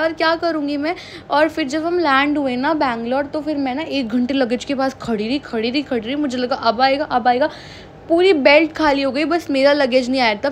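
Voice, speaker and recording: A woman's voice: high voice, slight background noise. A young woman from India narrating a travel vlog in a chatty, playfully complaining way. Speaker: vlogger. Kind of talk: casual travel vlog voice-over.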